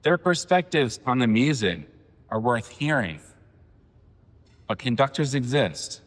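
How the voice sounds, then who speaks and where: A man in his forties giving a poetry reading, with halting, filler-heavy asides between poems. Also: mid-range voice, sing-song, long reverb tail. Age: 40s. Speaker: poet. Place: reading venue.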